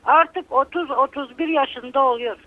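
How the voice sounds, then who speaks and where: A woman's voice: high voice, normal speed. An older woman, calling in to a radio show over a landline phone and bitterly airing her grievances. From Bulgaria. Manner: bitter, aggrieved, emotional complaining. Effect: heard over a landline phone. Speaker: radio call-in listener. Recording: narrow tinny phone line.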